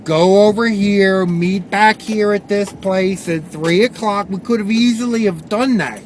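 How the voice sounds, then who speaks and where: A man telling a personal story in a candid, halting way. He often repeats words as he gathers his thoughts and swears bluntly. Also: sits high, a little hiss or hum. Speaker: vlogger sharing personal stories.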